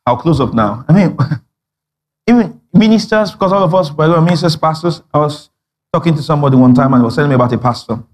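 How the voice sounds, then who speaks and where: Male pastor, slightly high voice, storytelling sermon with humor. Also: fast talker. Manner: animated storytelling, acting out dialogue, frequent laughter.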